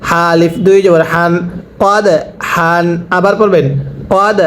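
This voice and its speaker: A man teaching a recorded Quran reading lesson, spelling out syllables slowly and patiently and asking the listener to repeat after him. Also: high-pitched, steady tone, fairly bright tone, a little hiss or hum. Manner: slow, drawn-out syllables for the learner to repeat; patient step-by-step instruction.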